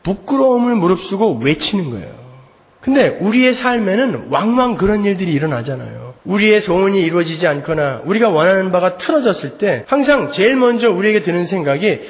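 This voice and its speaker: A male pastor preaching a sermon, swinging from quiet asides to shouted, pleading cries. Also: high voice, sing-song, a little fast, in a large hall, dull audio.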